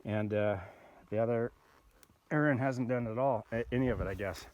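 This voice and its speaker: An older man telling a rambling, easygoing story outdoors on a remote mountain road, with many pauses and "uh"s. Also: mid-range voice, a little mellow. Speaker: bikepacker vlogger. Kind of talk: casual outdoor vlog narration.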